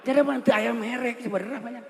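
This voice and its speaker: A male preacher with a Sundanese accent telling a story in a lively, joking sermon. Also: very high-pitched, fast talker, gravelly, a little hiss or hum. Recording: long hall reverb.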